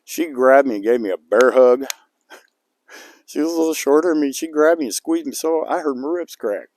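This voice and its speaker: Speaking at a normal speed in a mid-range voice, an older outdoor vlogger spins a meandering, folksy tale to the camera. He chuckles between lines, filmed outside on a calm, cold day.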